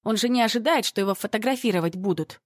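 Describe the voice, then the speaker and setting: A woman's voice: mid-range voice, fast talker, no room sound, voice pushed up, natural voice. A woman voicing a timid fair-haired teenage girl who pleads and worries, in a dry-sounding recording. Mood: worried.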